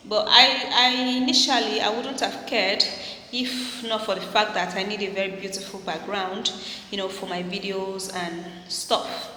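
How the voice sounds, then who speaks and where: A woman's voice: mid-range voice, fairly even intonation, a little slow, pushed and bright. A woman in her thirties with a Nigerian accent chats casually and effusively to her phone camera, repeating phrases for emphasis. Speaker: vlogger. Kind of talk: casual vlog chat to camera. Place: empty apartment room indoors. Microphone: phone at arm's length. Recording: echoey empty room with background noise.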